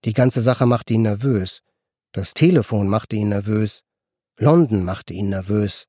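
A man reading an audiobook in measured, even narration. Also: lowish voice, dry recording, studio quality.

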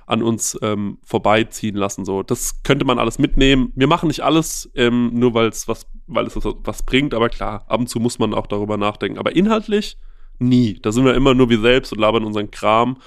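A man, a guest who hosts a film podcast, talking casually and telling animated stories with many fillers. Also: mid-range voice, fairly quick, no room sound, clean studio sound. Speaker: podcast host, guest here. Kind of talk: casual interview chat.

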